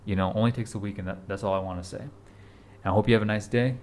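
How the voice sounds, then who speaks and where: A young man in his twenties speaking straight to his viewers in a casual motivational vlog. His voice sits a little low. He talks with blunt urgency, circles back to the same points, and swears casually. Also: fairly even intonation, fast, darkish tone, a little hiss or hum. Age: 20s. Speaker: fitness vlogger. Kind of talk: casual motivational talk to camera.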